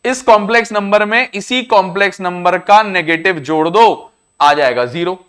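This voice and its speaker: A man with an Indian accent teaching a maths class, explaining each step slowly and repeating himself. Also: high-pitched, a bit bright, clear, resonant tone. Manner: repetitive, explains step by step, often says "I said". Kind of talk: classroom lecture to students.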